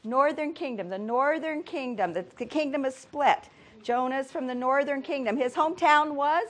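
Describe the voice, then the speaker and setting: Her voice sits high and moves at normal speed as this woman leads a classroom Bible lesson. She asks her students questions and laughs readily.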